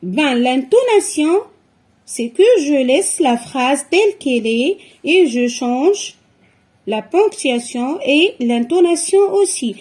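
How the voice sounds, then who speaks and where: Slow, patient woman teaching children grammar. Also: high voice, expressive, darkish tone. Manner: slow, patient explaining with repetitions.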